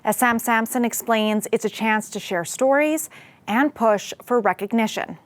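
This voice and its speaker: A woman's voice: fairly high pitch, measured pace, a little hiss or hum. Woman anchoring a news broadcast. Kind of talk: scripted news reading.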